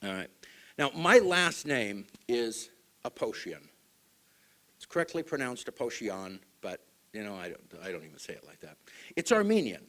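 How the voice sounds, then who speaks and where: A man from Utah giving a public talk to an audience, asking them questions and swinging between loud stresses and hushed asides. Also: medium pitch, very animated, normal speed, pauses often. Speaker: speaker at a group meeting.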